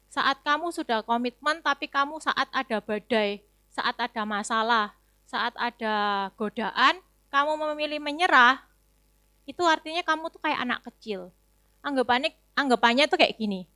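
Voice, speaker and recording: A young adult woman gives a chatty, conversational sermon testimony at a youth service, packed with casual fillers and tag words. Her voice is a little high and sharp, recorded in a clean studio with no echo.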